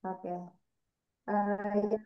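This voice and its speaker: A woman leading an online meditation class, gently checking in with participants while her video call audio breaks up. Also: mid-range voice, monotone, very slow, muffled recording. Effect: choppy video call audio breaking up. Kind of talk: casual online class talk.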